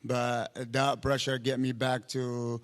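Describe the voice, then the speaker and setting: A man with an Iraqi accent talks slowly and haltingly, reaching for his words between fillers. His voice stays flat and level in pitch. He is being interviewed inside an arena venue. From Iraq. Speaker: fighter guest. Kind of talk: interview answers.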